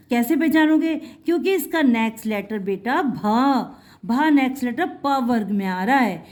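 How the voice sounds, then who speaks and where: A woman teaching Hindi spelling to children in a video lesson, patiently repeating words slowly and asking quick check questions. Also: high-pitched, a little mellow.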